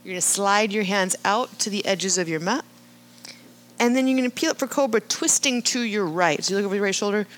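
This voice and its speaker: A woman leading a live yoga class, calmly cueing breath and movement and often checking in with "right?". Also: mid-range voice, brisk. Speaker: yoga instructor.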